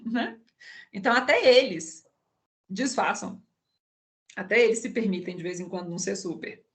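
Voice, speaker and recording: A woman's voice: mid-range voice, lively intonation, normal speed, a bit bright. A woman psychologist in an online conversation, explaining with everyday examples and frequent tag questions over a video call.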